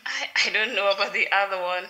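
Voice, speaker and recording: A woman, a congregant answering a prophet with hesitant, soft replies. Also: mid-range voice, brisk, low-quality recording.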